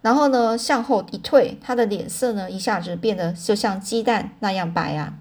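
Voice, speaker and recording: A woman reading a children's novel aloud in a chatty way, pausing to explain words and correcting herself. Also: mid-range voice, a little mellow. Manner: pauses to explain words to listeners; chatty fillers, self-corrections. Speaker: storyteller.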